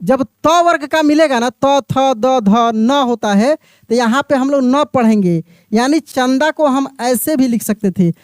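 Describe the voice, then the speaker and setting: A man teaching a beginners' reading lesson, explaining slowly, repeating each word and putting questions to the listener. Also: very high-pitched, clear, resonant tone, no room sound, studio quality. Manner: addresses the viewer as my friend.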